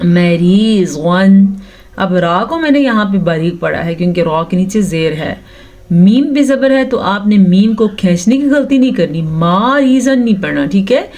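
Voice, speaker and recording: A woman teaching Quran recitation with tajweed, patiently explaining each rule step by step and drawing out the recited verses very slowly. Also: mid-range voice, animated, darkish tone. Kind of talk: tajweed lesson with slow recitation.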